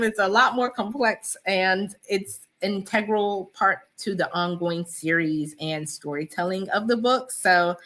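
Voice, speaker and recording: A woman's voice: mid-range voice, a bit bright. A woman author with Cameroonian parents, chatting casually as a guest, with many ums and frequent laughs. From United States, Cameroonian parents. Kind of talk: casual interview chat.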